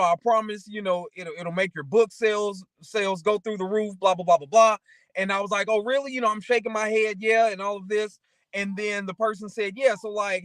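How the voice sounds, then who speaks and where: A talk show co-host with a notably high, slightly bright male voice speaks casually and motivationally, rambling through anecdotes and repeatedly checking the listener is following. The sound is dry and close, with no room ambience.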